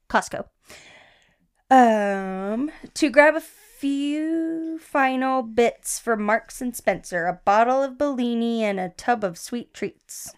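Brief: young woman, podcast co-host, reads aloud with a slightly high voice, stumbles, swears. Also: clear, resonant tone. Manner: laughs often, swears, stumbles while reading. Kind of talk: casual podcast chat, reading an article aloud.

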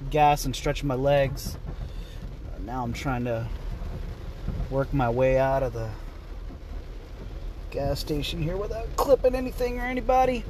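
A man's voice: medium pitch, darkish tone. A man talking casually and thinking aloud as he records a solo driving vlog inside a vehicle. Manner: rambling, thinking aloud, mild swearing. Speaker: road-trip vlogger. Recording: noisy vehicle interior. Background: road and vehicle noise.

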